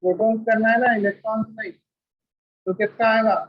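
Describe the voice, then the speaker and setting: High-voiced man teaching chemistry class. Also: level tone, normal speed, dull audio. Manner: quizzes students with repeated questions; rattles off element lists at speed. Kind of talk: classroom lecture. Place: classroom with students.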